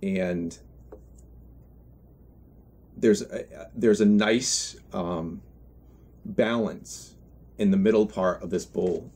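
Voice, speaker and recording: A man giving an unscripted product review in a halting, reflective way, often correcting himself as he goes. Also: sits low, darkish tone. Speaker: pipe tobacco reviewer.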